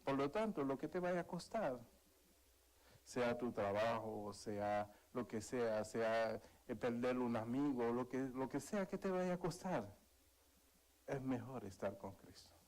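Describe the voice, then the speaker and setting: A man's voice: medium pitch, animated, measured pace, darkish tone, poor audio. A man preaching a sermon in Spanish, earnest, calling for amens and telling a personal testimony. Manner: earnest, calls for amens, tells a story.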